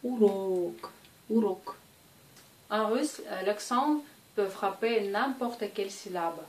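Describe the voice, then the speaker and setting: A woman's voice: medium pitch, lively intonation, measured pace, far from the mic. A woman from Russia with a Russian accent, teaching a language lesson patiently and drawing out example sounds. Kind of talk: explanatory lesson. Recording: echoey room, voice off-mic, faint ambience.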